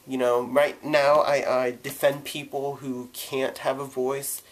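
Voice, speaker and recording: A man's voice: medium pitch, little pitch movement, slow. A young man vlogging, telling a personal story in a casual, chatty way with lots of "like" and "you know".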